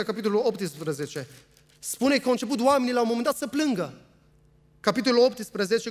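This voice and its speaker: A man with a high voice preaches a sermon, reading long passages of scripture aloud. He talks earnestly and keeps putting questions to his listeners. His voice rings out with a long reverb, as in a church hall. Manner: earnest, asks the congregation rhetorical questions; reads scripture aloud at length.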